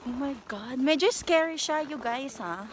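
A woman's voice: sits high, lively intonation, normal speed, a little hiss or hum. A young woman mixing Tagalog and English in casual chat as she vlogs on a phone held at arm's length at an outdoor winter ice park. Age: young adult. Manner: mixes Tagalog and English, chatty. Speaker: vlogger.

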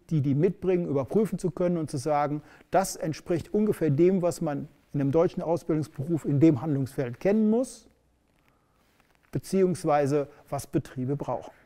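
A middle-aged man explains a topic to camera from a bright studio backdrop, his voice sitting a touch high yet mellow and warm in tone. He speaks in a measured, explanatory way, leaning on the key words. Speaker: education expert presenting.

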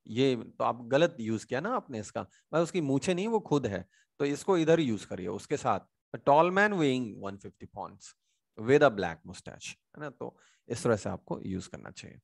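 A man with an Indian English accent teaches grammar in Hindi, asking questions and answering them himself. His voice has a gravelly, fry-tinged edge. It is recorded close and dry, with no room sound. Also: on the low side, dry recording. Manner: many hesitation sounds and restarts. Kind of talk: online grammar lesson.

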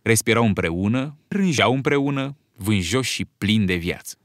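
A man narrating an audiobook in an expressive storytelling manner. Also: on the low side, no room sound, clean studio sound. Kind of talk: scripted narration.

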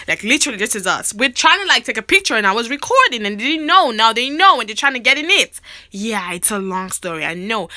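A woman's voice: high voice, bright, forceful tone, no echo, clean studio sound. A young woman from Nigeria, giving a bubbly, giggly self-introduction on her vlog. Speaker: vlogger and podcast host.

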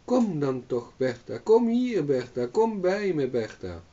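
A man's voice: moderate pace, dark tone. A man voicing a greedy old farm woman who calls cows by magic in a coaxing singsong, on a dull distant recording. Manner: coaxing singsong calls, shrill when angry.

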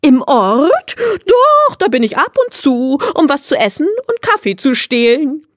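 A brash, self-important hermit woman, put on by a female audiobook reader who talks nonstop and snaps at anyone who interrupts. Her pitch is raised and swoops widely, bursting into brusque exclamations. The sound is dry and close, with no room around it. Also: very animated, no echo. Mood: indignant. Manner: rapid boastful chatter, brusque outbursts. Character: loud boastful eccentric woman hermit, brusque. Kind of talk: audiobook character voice.

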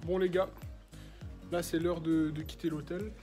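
A man's voice: on the high side, flat delivery, normal speed, warm tone, soft background music. A man in his twenties chatting casually to his vlog followers in informal French street slang. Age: 20s. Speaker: travel vlogger. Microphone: phone at arm's length.

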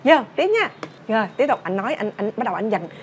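A woman's voice: a little high, sing-song, quick pace, a little hiss or hum. A young woman with a Vietnamese accent teaching English through a song, explaining words and drilling pronunciation.

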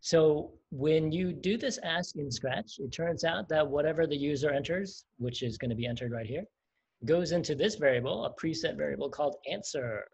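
A man's voice: fairly high pitch, normal speed, vocal fry, darkish tone, breathy edge. A man teaching a livestreamed coding lesson, chatty and explanatory, often laughing. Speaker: coding instructor. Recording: dull lo-fi stream audio.

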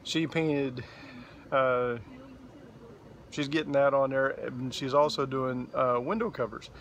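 A man's voice: medium pitch, takes it slowly. Man, 40s, casual self-shot vlogger, easygoing and rambling, outdoor phone audio, faint background hum. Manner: relaxed, rambling with fillers. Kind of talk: casual video diary. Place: outdoors in a boatyard. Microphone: phone camera at arm's length.

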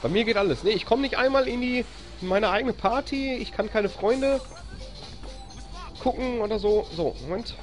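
A German-accented live streamer does an excitable let's-play, cheering and laughing a lot and grumbling whenever the game gets stuck. The voice sits at medium pitch and moves at a normal speed, with soft music playing in the background.

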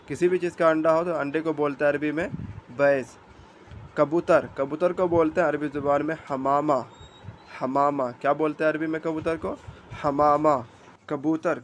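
A man's voice: a little high, bright, forceful tone, slight background noise. A man teaching a vocabulary lesson, repeating each word and quizzing the listener. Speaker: Arabic teacher.

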